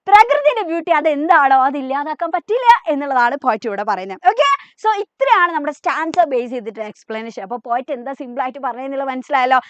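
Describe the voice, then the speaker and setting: A woman's voice: high voice, no room sound, muffled recording. A woman teacher, giving an exam revision lesson, asking questions and answering them herself, mixing in English terms.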